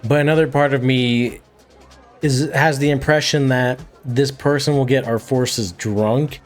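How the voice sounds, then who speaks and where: A man's voice: mid-range voice, steady tone, measured pace, soft background music. Man doing wry gameplay commentary. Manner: wry, thinking aloud. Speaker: gaming video host. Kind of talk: casual let's-play commentary.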